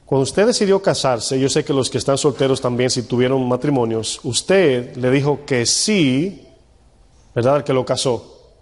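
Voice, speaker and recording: A male pastor gives a sermon in a church hall where his voice trails off into a long reverb. His pitch sits in the middle range, and his delivery is conversational. He keeps turning to the congregation with rhetorical questions. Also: animated, moderate pace, a little mellow.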